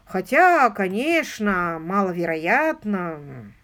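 A measured older lawyer, voiced by a woman narrator, dry and careful. He lays out his explanations step by step, qualifying each point as he goes. It is an audiobook character voice. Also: medium pitch, big pitch swings, fairly bright tone, full character voice. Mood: measured, explaining. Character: measured older male lawyer, dryly humorous.

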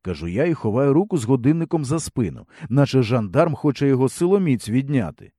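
Expressive male audiobook narrator, mellow. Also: medium pitch, fast, dry recording, clean studio sound. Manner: expressive, comic storytelling. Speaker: audiobook reader. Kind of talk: scripted storybook narration.

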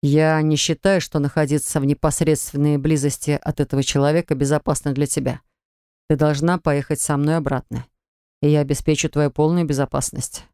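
A woman's voice: low voice, little pitch movement, a little fast, warm tone, smooth, dry recording, studio quality. A woman narrator voicing a young man who earnestly coaxes and pleads with his ex-partner in an audiobook. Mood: pleading. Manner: earnest, coaxing.

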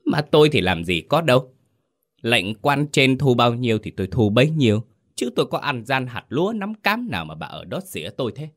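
A man voicing a cruel, bad-tempered old village chief who shouts and scolds. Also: medium pitch, sing-song, brisk, voice pushed up, lightly acted. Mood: angry scolding.

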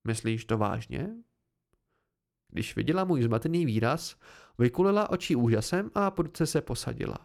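A man's voice: fairly high pitch, animated, gravelly, darkish tone. A man reading a novel aloud as an amateur audiobook, telling it in the first person with expression. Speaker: audiobook reader.

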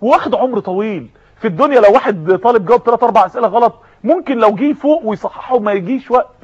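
Impassioned Egyptian preacher, high and fast. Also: male voice, lively intonation, darkish tone, breathy edge. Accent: Egyptian Arabic. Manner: impassioned, dramatic, addresses audience directly. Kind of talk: sermon. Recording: dull lo-fi audio recording.

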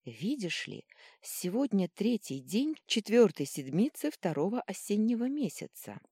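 Teasing, commanding young princess for an audiobook, read by a woman, lively lilt, dry close sound. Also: medium pitch, measured pace, slightly rough, no room sound, voice pushed up, exaggerated voice. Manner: commanding, wry. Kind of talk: audiobook character reading.

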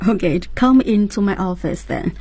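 Woman, radio lesson host, reads dialogue lines, dry studio, husky. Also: medium pitch, animated, unhurried, mellow, no echo. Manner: reads English dialogue lines and prompts the teacher.

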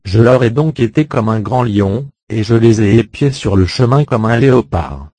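A man reading a Bible chapter aloud in a measured, solemn way. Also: medium pitch, expressive, mellow, dry recording. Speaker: Bible reader. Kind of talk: scripted scripture reading.

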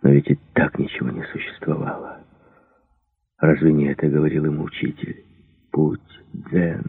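A man narrating an action audiobook in a steady, measured storytelling manner. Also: rumbling low, slightly rough, no echo, narrow, tinny audio. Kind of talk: scripted narration.

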